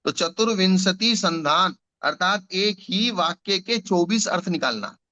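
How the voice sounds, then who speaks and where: Bright high-voiced man explaining scripture. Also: lively intonation, measured pace, muffled recording. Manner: patient, explains with examples and repetition. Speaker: Jain scripture teacher.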